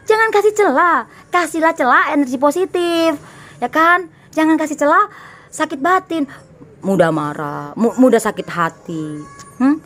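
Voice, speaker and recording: A woman tarot reader giving casual spiritual advice to her viewers, calling herself by her own name, her tone swinging between high and emphatic and low and soft. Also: slight background noise. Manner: refers to herself in the third person; emphatic, scolding rhetorical questions.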